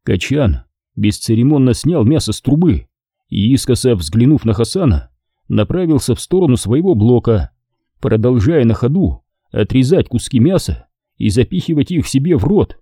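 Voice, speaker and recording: Man reading an audiobook, lively and mellow. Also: medium pitch, moderate pace, breathy edge, no echo, clean studio sound. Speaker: audiobook reader. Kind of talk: audiobook narration.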